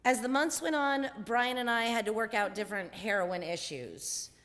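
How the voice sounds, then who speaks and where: A woman's voice: a little high, moderate pace, a bit bright, big-room sound. A woman in her forties telling a candid, wryly humorous personal story on stage.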